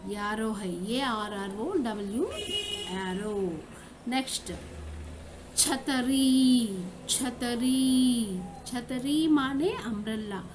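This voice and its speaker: A woman Hindi teacher with an Indian accent, giving a recorded lesson to children and repeating each word slowly and carefully for her pupils. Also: mid-range voice, noisy background.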